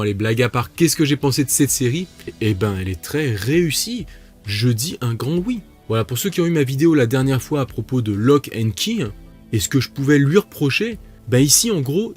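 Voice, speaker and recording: Male series reviewer, mid-pitched, casual and jokey, faint music underneath. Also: a little mellow. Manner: chatty, jokey asides, self-mocking.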